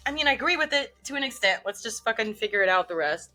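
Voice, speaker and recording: A woman's voice: a little high, lively intonation, quick pace, bright, forceful tone. A woman co-hosting a casual chat, joking and laughing often as she reads aloud, speaking through a mask. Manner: giggly, jokey, laughs often. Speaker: podcast co-host.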